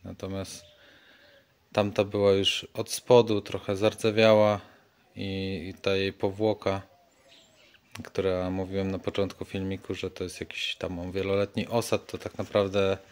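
A middle-aged man casually explaining his car repair work in a home garage, matter-of-fact and relaxed. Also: low voice, unhurried, clear, resonant tone. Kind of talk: casual workshop vlog narration.

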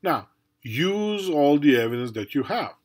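A man's voice: fairly high pitch, very animated, a little slow. A middle-aged man lecturing as a university professor in a conversational way, with many fillers and tag questions. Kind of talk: recorded lecture.

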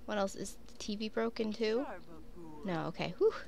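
This gaming YouTuber, a young woman with a sniffly cold, chats to her characters in a casual let's play of her life-sim game, peppering it with "um" and "like." She talks at a normal speed in a medium-pitched, creaky, slightly mellow voice.

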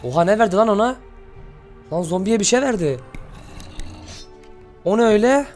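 A man with a high-pitched voice delivers lively reaction commentary, cheering and shouting at what he watches in loose, slangy talk. Soft music plays faintly behind him. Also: normal speed. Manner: animated, shouts at the screen, slangy. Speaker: channel host reacting to an animation.

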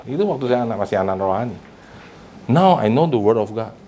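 A pastor preaching a sermon to a congregation, mixing Indonesian with English phrases and often calling for responses from the listeners. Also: male voice, a little hiss or hum. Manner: keeps prompting the congregation for responses; animated and emphatic, with big pitch swings. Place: church service before a congregation.

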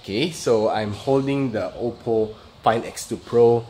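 Speaking at a medium pitch with a mellow quality, a man from the Philippines gives a casual how-to vlog demo, slow and halting as he explains each step. He films with a phone held in hand in a paved outdoor yard or garage at home, and ambient noise comes through clearly.

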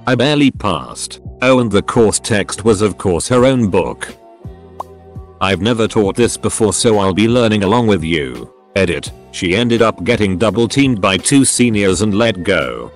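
A man with a fairly low voice reads online posts aloud in a flat, even delivery. Quiet music plays underneath him. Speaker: narrator. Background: faint music.

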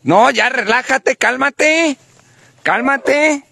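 Teasing Mexican man, very high and gravelly. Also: drawn-out words, no room sound. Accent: Mexican Spanish. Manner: teasing, scolding, often shouting. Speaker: comedy vlogger. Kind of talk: comedic banter sketch.

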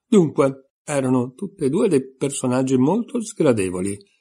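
A man's voice: medium pitch, sing-song, a little slow, warm tone, slightly rough, full character voice. A man reading aloud and voicing a sensible, indignant young girl in a raised, earnest voice.

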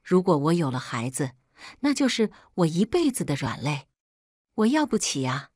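A woman narrating a first-person story aloud, expressive and biting in the heroine's lines. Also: on the low side, moderate pace, no room sound, clean studio sound.

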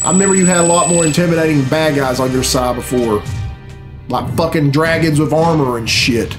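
Speaking fairly quickly in a slightly high voice, a man in his thirties offers casual, profane and sardonic reaction commentary from a small indoor bedroom. He hosts reaction videos, and video game cutscene music plays in the background.

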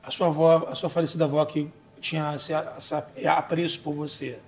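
A man's voice: on the high side, flat delivery, moderate pace, a little mellow, a little hiss or hum. A man hosting an interview, making brief, sympathetic interjections and questions. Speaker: interview host.

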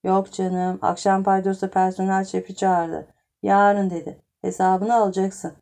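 A woman's voice: medium pitch, level tone, a little slow, creaky, mellow. A woman voicing a desperate, newly fired male clerk who complains agitatedly in an audiobook story.

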